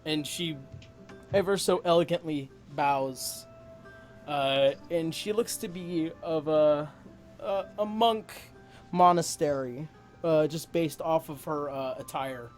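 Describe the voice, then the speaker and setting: Slow, halting male game master. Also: a little high, faint music behind. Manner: slow, halting narration full of ums and uhs. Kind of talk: narrating a tabletop game.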